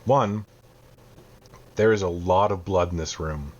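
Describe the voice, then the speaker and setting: A man narrates a tabletop game as its game master, calm and descriptive. His voice sits a little low, and the recording is muffled and lo-fi. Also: unhurried.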